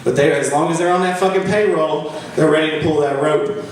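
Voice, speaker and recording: This comedian, a man in his 20s, spins profane, boastful stand-up stories with mock-epic flair. His voice is a little high and his delivery a little fast. The recording is distant, in an echoey room with faint background noise.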